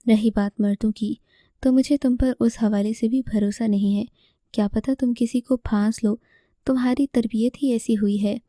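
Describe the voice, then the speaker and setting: A woman's voice: a little high, fairly even intonation, dark tone, dry recording, studio quality, close to an everyday voice. A woman reading as a harsh scornful mother-in-law. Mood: scolding. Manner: scolding, contemptuous. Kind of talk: storytelling.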